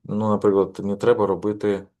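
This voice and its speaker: A man's voice: on the low side, monotone, fairly quick, warm tone. A man giving a course lecture, hesitant, with many fillers and restarts.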